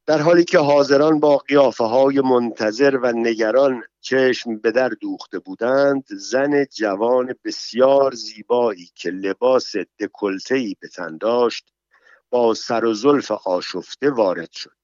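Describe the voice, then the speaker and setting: A man narrating a story in a steady, measured reading voice. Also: mid-range voice, no echo. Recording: dull, dry, slightly muffled sound.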